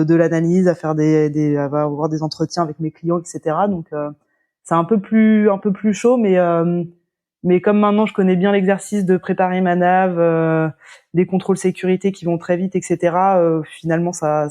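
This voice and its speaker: A woman sailor answers interview questions in a hesitant, searching way, breaking off and restarting her sentences. Her voice is mellow and soft-toned, and she comes from the French Atlantic coast. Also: lowish voice, level tone, moderate pace. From La Baule, France. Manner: hesitant, many fillers and restarts. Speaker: sailor guest. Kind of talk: casual interview chat.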